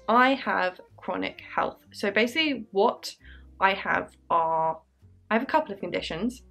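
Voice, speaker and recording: A woman's voice: mid-range voice, fairly bright tone. Chatty English woman in her twenties. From England. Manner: chatty, upbeat and apologetic. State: dry throat. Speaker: YouTuber answering viewer questions. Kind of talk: casual Q&A vlog. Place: bedroom with candles.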